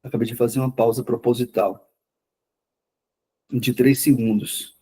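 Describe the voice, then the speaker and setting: A man lectures a class in a quick, conversational way, often repeating words to drive a point home. His voice is dark and mellow, with a slightly husky grain. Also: mid-range voice, little pitch movement. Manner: says himself he talks fast. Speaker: lecturer on mental health therapy.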